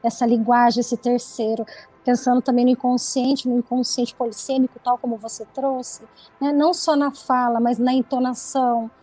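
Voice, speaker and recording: A woman's voice: fairly high pitch, level tone, moderate pace, warm tone, poor audio. A woman psychoanalyst reflecting thoughtfully in an interview over a video call, often adding tag questions.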